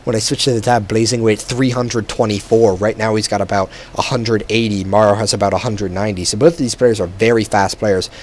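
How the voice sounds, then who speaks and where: A man with a fairly low voice calls a strategy game match on his own, chatty and relaxed, dropping fillers as he goes. He sounds a little short on sleep. A faint hiss sits under the home recording. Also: a little fast, few pauses. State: tired. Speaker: game commentator. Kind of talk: solo video game commentary.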